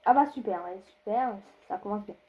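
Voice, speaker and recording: A woman's voice: mid-range voice, brisk, phone-quality sound, a little hiss or hum. A woman giving casual gameplay commentary, chatty and rambling, laughing often, with many fillers and restarts. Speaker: gaming YouTuber.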